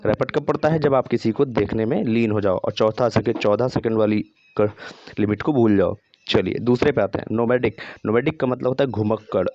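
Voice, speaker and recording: A man's voice: fairly low pitch, fairly quick, a little mellow, no echo. Male teacher, walks through vocabulary tricks, spells words out and repeats them; dry, dull lo-fi sound. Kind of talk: vocabulary lesson with memory tricks.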